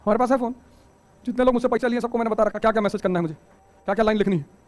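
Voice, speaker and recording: Man, middle-aged, coaching teacher, motivational class talk, quick delivery, lively rhetorical questions. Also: sits high. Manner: animated, rhetorical questions, joking asides.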